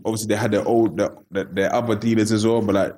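A man's voice: on the low side, level tone, quick pace, warm tone. A man with a London roadman accent, telling stories casually in street slang as an interview guest and acting out the dialogue.

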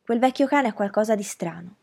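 A woman voicing an anxious, insistent young boy who speaks higher and louder than her narration. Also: expressive, fairly quick, creaky, husky. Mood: urgent. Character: urgent boy, older brother, anxious and insistent.

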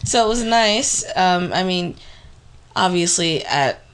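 Woman podcast co-host, low-ish lively voice, rambling laughing storyteller. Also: takes it slowly, clear, resonant tone. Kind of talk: casual chat.

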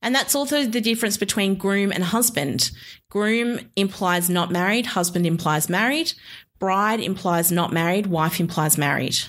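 A woman's voice: medium pitch, normal speed. An Australian woman in her thirties co-hosting a chat show, explaining things in a chatty way, laughing easily and often restarting her sentences. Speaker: marriage celebrant podcast co-host.

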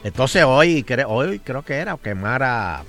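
A Puerto Rican man hosts a casual talk radio show with a very animated delivery. His pitch swings widely as he rambles, stammers and repeats his words. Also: unhurried, soft background music.

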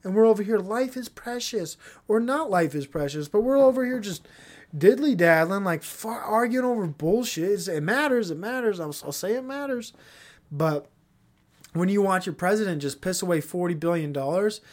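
A man's voice: high voice, expressive, moderate pace. A young man hosting a solo podcast, ranting in a profane, heated way, then trailing off into mumbles. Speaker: podcast host.

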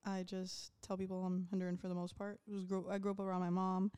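A young woman in her twenties chatting on a podcast in a relaxed, joking way, her sentences drifting off. Her voice is smooth and clean, at a middle pitch. The sound is close and dry, with no room around it. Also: fast talker, dry recording. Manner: laid-back, jokey, trails off. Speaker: podcast co-host. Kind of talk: casual chat. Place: Miami.

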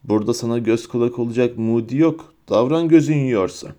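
A man's voice: medium pitch, fairly quick, mellow, natural voice. Malfoy: a man doing a sneering schoolboy bully. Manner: mocking and taunting.

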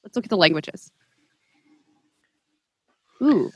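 A woman's voice: on the low side, expressive, slow pace, fairly bright tone, breathy edge, dry recording. A woman playing a tabletop game, bubbly and enthusiastic as she chats. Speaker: player. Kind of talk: casual chat at a game table.

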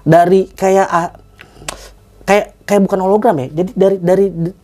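Male storyteller, animated, swears casually. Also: high-pitched, moderate pace. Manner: animated, acts out friends' lines in a raised voice, swears casually. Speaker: guest telling a story.

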